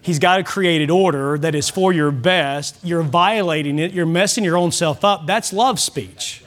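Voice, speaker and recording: A man's voice: fairly high pitch, measured pace. A man preaching a Sunday sermon as pastor, earnest and direct, often stumbling over and restarting his words.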